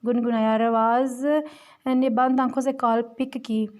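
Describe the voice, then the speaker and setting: Brief: female audiobook narrator, plain steady reading, slightly high voice. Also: measured pace. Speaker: novel reader. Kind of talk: audiobook narration of a romance novel.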